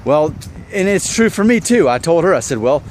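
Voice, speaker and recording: In his thirties, a vlog host chats casually with viewers in an opinion video, his fairly high voice sing-song and darkish at a normal pace. He's conversational and self-deprecating, peppering his talk with rhetorical questions. There's slight background noise.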